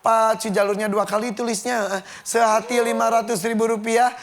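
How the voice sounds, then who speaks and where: A middle-aged man hosting a TV game show in a studio, playful and teasing with the players and shouting out the results. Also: high voice, little pitch movement, moderate pace. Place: television studio with live audience. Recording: studio audience and backing music.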